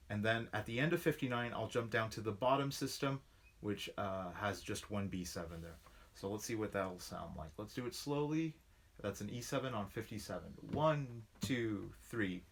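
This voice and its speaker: A man's voice: on the low side, lively intonation, brisk, slight background noise. A man giving an online guitar lesson, patiently counting beats and calling out strum patterns. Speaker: guitar instructor. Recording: loud guitar playing under the voice.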